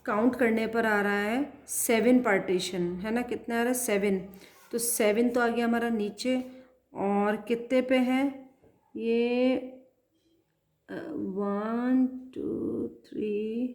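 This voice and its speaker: Slow, patient maths teacher, woman. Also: fairly high pitch, steady tone, darkish tone, roomy sound. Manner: slow and patient, counting aloud and asking pupils questions. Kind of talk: classroom math lesson, writing as she explains.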